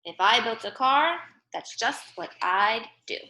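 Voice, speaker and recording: Speaking at a measured pace, a woman with a fairly high, sharp voice and lively intonation comes through on poor audio. She's an early-grade teacher giving young children a remote read-aloud lesson, keeping things simple and instructive and often checking understanding with "okay" and "right?"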